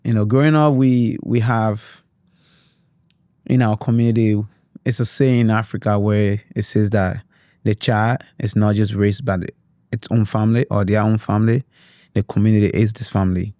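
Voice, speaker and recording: A man's voice: lowish voice, steady tone, moderate pace, dark tone, dry recording, clean studio sound. A young man with a Liberian accent from Liberia, telling his story earnestly and reflectively as an interview guest, with frequent "you know" fillers. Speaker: youth advocate guest.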